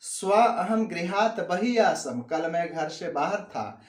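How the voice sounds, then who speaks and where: A man's voice: high-pitched, expressive, slow, roomy sound. A man teaching Sanskrit grammar to students. He reads each sentence out and then explains what it means, repeating the key words with emphasis. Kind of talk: classroom lesson explaining grammar.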